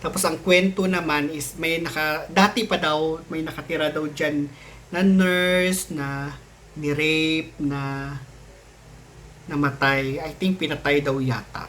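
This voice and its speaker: A man's voice: a little high, fairly even intonation, slow, fairly bright tone, slight background noise. A man casually telling his own ghost story to his channel in a chatty, meandering way, with many restarts and sudden rises in his voice at the tense parts. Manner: chatty, mixes Tagalog and English, many restarts and fillers.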